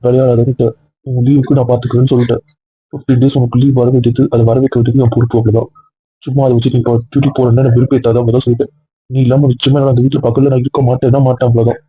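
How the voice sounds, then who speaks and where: A man playing a headstrong young husband in an amateur audio drama, insistent and protective, with a husky voice. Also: mid-range voice, very fast, natural voice. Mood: firm. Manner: insistent, keeps ending points with a flat final word. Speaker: husband character. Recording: tinny phone-like dry recording.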